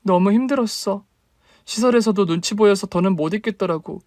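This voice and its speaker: A man's voice: high-pitched, fairly quick, darkish tone, no echo, clean studio sound, pitched above the performer's own voice, lightly acted. A man voicing a hurt young woman, the younger sister and a new mother, in a radio drama reading, talking with earnest, wounded questions. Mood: weary.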